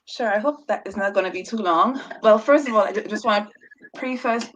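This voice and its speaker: A woman researcher from the Bahamas, appearing as a guest on an interview show, casually tells her story at medium pitch and a slightly fast pace. She stutters, repeats words and laughs often, and the audio is poor.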